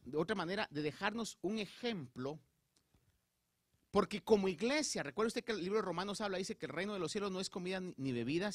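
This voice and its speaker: Speaking to his congregation in a Spanish sermon, a man with a high voice keeps checking in with them, his lively preaching rising in emphasis. The audio is clean studio sound with no room sound.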